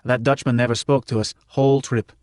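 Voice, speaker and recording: A man's voice: medium pitch, little pitch movement, a little fast, darkish tone, no room sound, studio quality. A man narrating an audiobook in a clipped first-person voice that drops its articles. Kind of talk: scripted narration.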